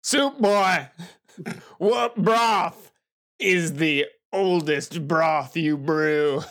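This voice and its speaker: A woman voicing an eccentric old male hillbilly prospector with a gruff mountain-man drawl in a tabletop game. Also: low-pitched, drawn-out words. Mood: folksy, self-important. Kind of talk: improvised tabletop role-play.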